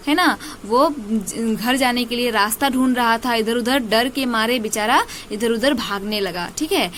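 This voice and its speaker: A woman's voice: fairly high pitch, a bit bright, a little hiss or hum. A woman teacher explaining a children's story to her class, repeating points and checking they follow. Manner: repetitive, checking understanding.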